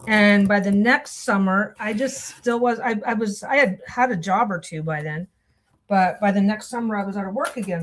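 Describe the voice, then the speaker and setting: A vlogger sews on camera and chats in a mid-range voice, with a little hiss or hum in the audio. Her talk is casual and meandering, full of restarts, self-interruptions and distracted remarks about her sewing.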